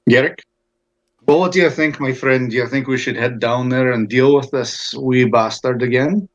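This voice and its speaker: A man playing a dwarf sergeant in a tabletop game, talking in a put-on Scottish accent with gruff banter. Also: medium pitch, normal speed, highs cut off. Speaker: player. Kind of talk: in-character tabletop role-play.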